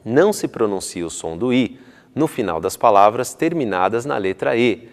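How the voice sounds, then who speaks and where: A male English teacher from Brazil presenting a scripted TV lesson, slow and deliberate, stretching the example words to show how they should be pronounced. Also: on the low side, lively intonation, big-room sound.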